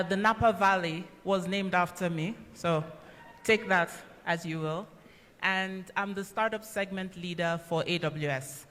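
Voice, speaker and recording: A woman's voice: lowish voice, a bit bright. A woman moderating a conference panel, addressing the audience and panelists. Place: conference hall stage. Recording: reverberant conference hall.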